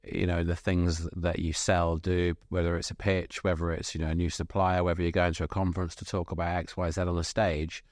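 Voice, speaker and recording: A man's voice: sits low, little pitch movement, fairly quick, few pauses, no echo, clean studio sound. A middle-aged man hosting a podcast, talking enthusiastically and rambling with many restarts. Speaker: podcast host. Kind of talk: casual interview chat.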